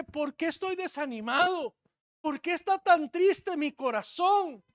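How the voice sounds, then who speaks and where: High-voiced Costa Rican pastor preaching. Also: male voice, fairly bright tone. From Costa Rica. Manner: impassioned preaching, asks the congregation questions. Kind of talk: sermon.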